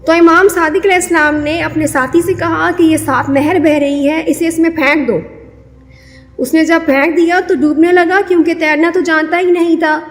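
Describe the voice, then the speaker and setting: A woman giving measured religious instruction, explaining devotional prayers and telling moral stories. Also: very high-pitched, steady tone. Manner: measured, didactic, repeats prayer counts. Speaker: Islamic devotional speaker. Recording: long reverberant echo.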